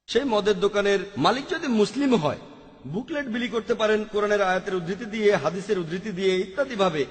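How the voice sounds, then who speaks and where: A man answers audience questions at a religious lecture in a high, carrying voice. He works methodically, reciting verses and listing what can be done point by point. The sound hangs in a long hall reverb. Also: brisk. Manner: methodical, quotes scripture verses and lists options.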